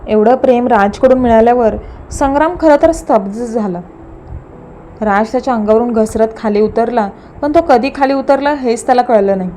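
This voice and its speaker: Woman, audiobook narrator, high-ish voice, calm, expressive storytelling. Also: moderate pace, slight background noise.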